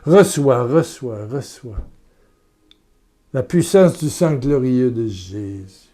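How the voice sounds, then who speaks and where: A man with a Québécois French accent preaches a sermon and guides listeners through prayer at a slow pace. His medium-pitched voice is animated, earnest, and repetitive, moving between loud urging and soft murmurs.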